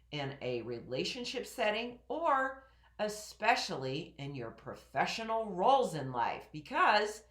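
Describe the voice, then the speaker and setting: A middle-aged woman with a low voice and a head cold teaches in a calm, coaching way, guiding listeners through breathing exercises. Her voice carries a roomy echo. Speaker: personal development teacher. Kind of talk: instructional talk to camera.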